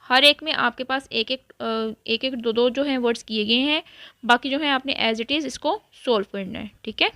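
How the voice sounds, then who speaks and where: Woman teacher, bright and slightly high voice, dry close sound, patient step-by-step explaining. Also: normal speed, no room sound. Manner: explains word by word, mixes English terms into Urdu-Hindi. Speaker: English teacher. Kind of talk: recorded classroom lesson.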